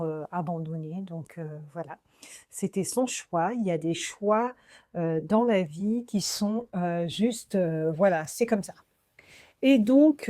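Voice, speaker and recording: Woman in her 40s from french guiana, podcast faith testimony, slow and thoughtful, mellow voice, dry close sound. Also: lowish voice, no echo. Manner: slow, reflective and earnest. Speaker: podcast host.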